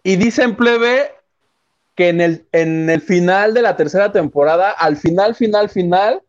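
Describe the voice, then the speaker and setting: A man's voice: high voice, measured pace. A man co-hosting a live watch-along, laid-back and chuckling. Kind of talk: casual live chat. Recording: dull lo-fi sound.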